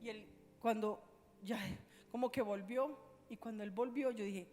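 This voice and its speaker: A woman pastor preaching a sermon, telling a story with passion and moving between loud and hushed delivery. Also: fairly high pitch, unhurried. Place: church. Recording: long reverb of a church hall.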